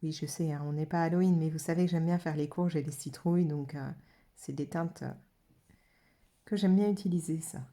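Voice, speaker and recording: A woman's voice: deep voice, steady tone, fairly quick, warm tone. A French woman hosting a watercolour channel, chatting casually with many fillers as she paints color swatches. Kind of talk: casual art demo narration.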